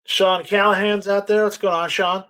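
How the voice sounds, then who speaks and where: A man with a rather high voice runs a casual live stream, alternating between reading comments aloud and loose chatter. He speaks haltingly and often repeats words. His delivery is flat yet pushed and bright.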